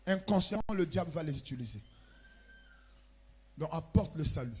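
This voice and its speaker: A man with a Congolese French accent preaching a sermon as pastor, with loud emphatic bursts and chanted lines. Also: on the high side, animated, normal speed, slightly rough. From Republic of the Congo. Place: church.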